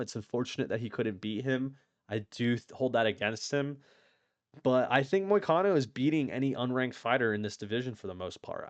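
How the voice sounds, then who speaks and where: This YouTube MMA commentator has a mid-range male voice with no echo. He rambles through casual, opinionated takes on fighters, swearing a lot and often restarting his sentences.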